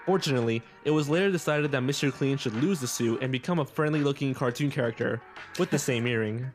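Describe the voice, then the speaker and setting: A man narrating a countdown from a script in a mid-range voice, steady with a wry edge. Faint music sits underneath. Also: mid-range voice, fast.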